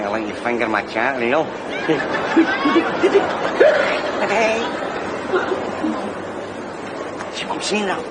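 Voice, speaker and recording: A cheeky, leering Glaswegian man full of crude wisecracks. His voice sits high for a man, and a busy outdoor crowd and traffic noise fill the background. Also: full character voice. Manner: leering, wisecracking, mock-consoling. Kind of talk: TV sitcom acting.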